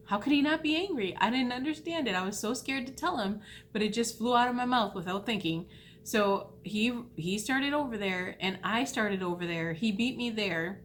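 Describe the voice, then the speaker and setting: Woman vlogger, mid-pitch, chatty and self-deprecating, casual rambling delivery. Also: slight background noise. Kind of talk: casual storytelling vlog.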